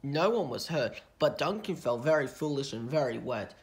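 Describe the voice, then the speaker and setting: Low-voiced woman reading a storybook. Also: lively intonation, moderate pace. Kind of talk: storybook read-aloud.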